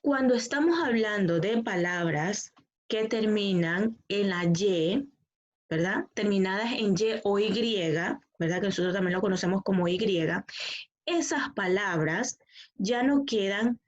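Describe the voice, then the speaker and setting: A woman's voice: medium pitch, a little slow. A woman teaching an English grammar lesson in Spanish over a video call, with an Ecuadorian accent. She explains patiently and keeps checking whether her students follow. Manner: patient, repeats "¿ya?" and "¿verdad?" to check understanding. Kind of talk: online class explanation. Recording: dull lo-fi video call audio.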